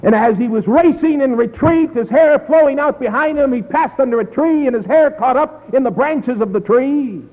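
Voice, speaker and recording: A man preaching an evangelistic sermon, telling the story dramatically and dropping from loud to hushed. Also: very high-pitched, normal speed, few pauses. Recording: tinny lo-fi echoey hall.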